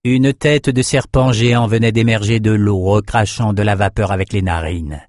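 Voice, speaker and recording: A man narrating a fantasy novel in a measured, steady reading voice. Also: lowish voice, no echo, studio quality. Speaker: audiobook narrator.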